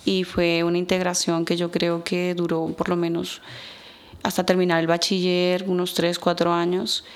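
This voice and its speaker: Low, flat-voiced Ecuadorian woman. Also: normal speed. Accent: Ecuadorian Spanish. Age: 30s. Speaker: guest. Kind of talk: personal testimony in a radio interview.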